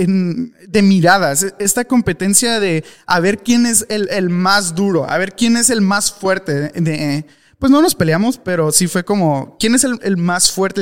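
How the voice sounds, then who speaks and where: A young adult man with a Mexican accent, hosting a podcast and telling a story candidly, with restarts and acted-out dialogue. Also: sits high. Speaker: podcast host. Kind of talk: casual storytelling monologue.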